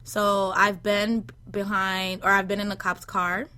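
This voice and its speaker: A young woman co-hosting a podcast in casual chat, excitable and quick to laugh loudly. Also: medium pitch, background noise. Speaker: podcast co-host.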